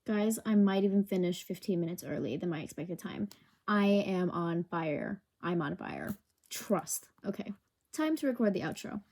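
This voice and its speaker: A woman's voice: fairly low pitch, expressive, normal speed, vocal fry, a little mellow. A young woman hosting a casual solo podcast into a sensitive desk microphone, rambling and self-conscious, full of fillers. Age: young adult. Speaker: podcast host.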